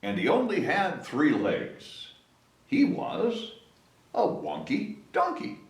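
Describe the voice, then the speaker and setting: A man hosting story time reads a picture book to children in a high voice with wildly swooping pitch, going slowly and coaxing them playfully. He stretches words for effect and invites the kids to join in, while a distant mic in an echoey room picks up slight hiss or hum.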